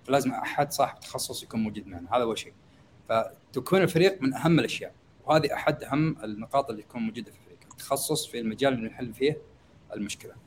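A young man with a Gulf Arabic accent explaining conversationally as a guest expert, hesitant and pausing as he thinks aloud. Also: mid-range voice, lively intonation, slight background noise. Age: young adult. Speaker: guest expert in startup marketing.

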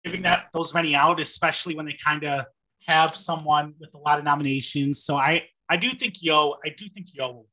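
A man's voice: on the high side, brisk, sharp tone. A man co-hosting a podcast, talking casually about movies with enthusiasm and frequent swearing. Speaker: podcast co-host.

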